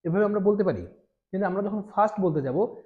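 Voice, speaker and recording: A man's voice: sits high, fast. A man teaching a pronunciation lesson, repeating example phrases again and again. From Bangladesh. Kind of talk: classroom lecture. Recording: tinny phone-like audio.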